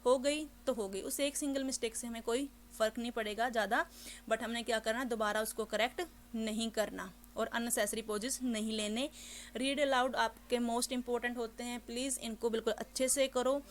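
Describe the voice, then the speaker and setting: Lady teaching english test prep, reads passages slow and careful, bit of hum in the background. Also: fairly high pitch, steady tone. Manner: explains step by step, reads model English passages slowly and deliberately. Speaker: English exam tutor. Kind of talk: teaching lesson, reading sample passages aloud.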